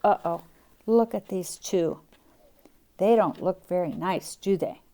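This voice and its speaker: Female kids show host for storytime, unhurried delivery, talking directly to little children and reading aloud to them. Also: on the low side, warm tone. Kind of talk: reading picture books aloud to young children.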